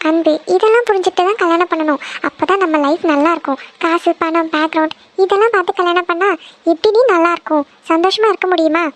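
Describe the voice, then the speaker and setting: A woman voicing a burdened, stubborn young eldest daughter in a cartoon, speaking earnestly and firmly. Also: very high-pitched. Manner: earnest, firm. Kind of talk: cartoon voice acting.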